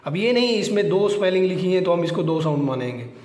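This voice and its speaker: High-voiced man teaching in an echoey room. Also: animated, fast talker, a little mellow. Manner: asks and answers his own questions, repeats key points. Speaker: shorthand teacher. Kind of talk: classroom lesson, Hindi mixed with English. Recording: echoey room with long reverb.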